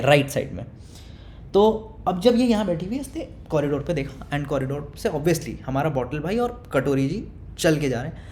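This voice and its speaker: A young man casually telling a storytime, animated and acting out his friends' lines, then dropping to low mutters. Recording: echoey room with faint rumble.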